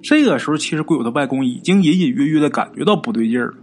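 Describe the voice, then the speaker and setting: Man telling ghost stories, lively pitch. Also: slight background noise. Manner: colloquial, with frequent drawn-out particles and fillers. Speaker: storyteller. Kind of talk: casual ghost story narration.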